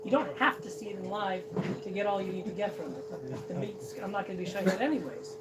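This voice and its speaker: This high-voiced, fast-talking man is middle-aged and hails from Cincinnati, Ohio. Speaking at a celebration, he tells the crowd a joking personal story at his own expense. The distant mic picks him up in a noisy hall.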